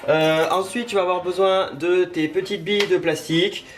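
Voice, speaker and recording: A video creator testing a product chats casually through a hands-on tutorial vlog in his home kitchen. His voice is high, his intonation fairly even, and his pace moderate. He's self-deprecating and loose, with some mild swearing.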